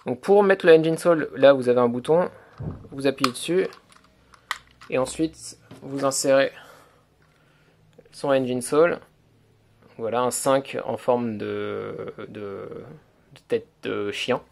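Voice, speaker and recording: A man's voice: mid-range voice, slow, creaky, pauses often, a little mellow, a little hiss or hum. A man giving a hands-on toy review, explaining step by step with many hesitations and fillers while he handles the toy. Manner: hesitant, filler-heavy explaining, "donc voilà".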